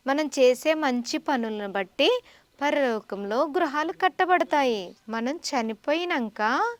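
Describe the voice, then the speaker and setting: A high-pitched woman plays a puppet show teacher, patiently and instructively explaining something to a child. The recording is dry.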